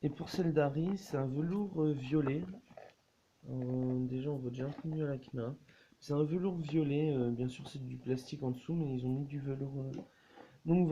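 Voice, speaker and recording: A man casually showing his collection in a vlog, halting often with fillers and restarts. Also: medium pitch, dull audio, background noise. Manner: hesitant, many fillers and restarts.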